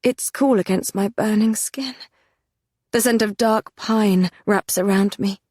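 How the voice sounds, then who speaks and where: A woman's voice: mid-range voice, a little slow, a little mellow, husky, no echo, clean studio sound. A woman narrating a first-person fantasy romance audiobook with an intense, dramatic delivery.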